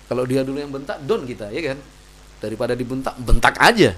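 Man, casual religious lecture, talks like a chat with the audience, faint background hiss. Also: quick pace. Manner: conversational, asks the audience rhetorical questions; acts out quoted people with loud, high outbursts. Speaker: Islamic preacher.

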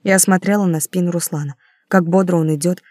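A woman's voice: on the low side, fairly even intonation, a little fast, darkish tone, no room sound, studio quality. A woman reading an audiobook in the first person, intimate and emotional. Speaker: audiobook narrator. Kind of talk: audiobook narration.

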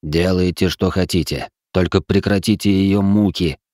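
A man's voice: low-pitched, steady tone, moderate pace, darkish tone, no room sound, clean studio sound, close to an everyday voice. A man voicing a tense, grim nobleman who talks through clenched teeth, in an audiobook reading.

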